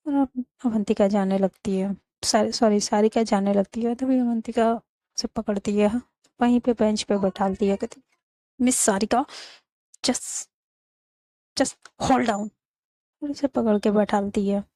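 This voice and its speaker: A woman hosting her own channel, retelling a romantic story in a chatty, animated way. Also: mid-range voice, normal speed, no room sound.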